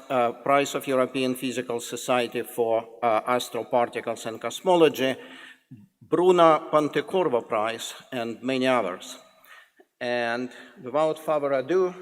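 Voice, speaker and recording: A man with a Russian accent giving a joking, formal introduction to a public lecture, pausing and restarting often. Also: mid-range voice. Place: large lecture hall. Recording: lecture hall with long reverb.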